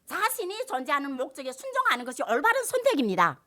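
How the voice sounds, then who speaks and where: A woman's voice: high voice, huge pitch swings, fast, pushed and bright. A woman pastor preaching a sermon in a church, with rising emphasis and call-and-response with the congregation.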